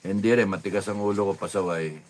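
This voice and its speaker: A man telling a casual anecdote. He is animated and laughs often, sometimes drops to a low, soft mumble, and acts out the voices of people he quotes. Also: fast talker, a little hiss or hum. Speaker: storyteller recounting a rally.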